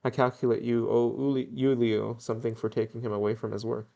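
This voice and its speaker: A man reading aloud and voicing a gruff old male country squire with a curt rural drawl. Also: mid-range voice, level tone, brisk, mellow, highs cut off, close to an everyday voice.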